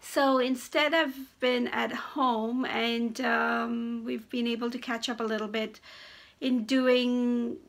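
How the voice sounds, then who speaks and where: A woman's voice: a little high, little pitch movement, creaky. Hesitant woman, voice giving out. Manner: hesitant, halting with frequent pauses. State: voice giving out, slightly hoarse. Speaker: knitting podcast host. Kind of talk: casual chatty video podcast.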